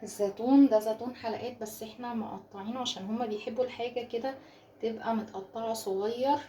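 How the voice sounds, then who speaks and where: A woman's voice: a little high, steady tone, quick pace. A woman with an Egyptian accent hosting a casual home cooking tutorial, chatty and coaxing as she talks her viewers through each step in her kitchen. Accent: Egyptian Arabic. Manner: chatty and warmly coaxing, addresses viewers as ladies. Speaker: home cooking channel host.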